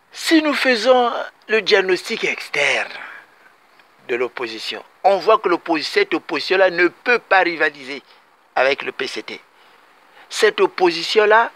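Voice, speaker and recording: A man's voice: high-pitched, fairly bright tone. A man from Congo-Brazzaville giving an emphatic political commentary monologue, repeating his points and addressing his compatriots directly.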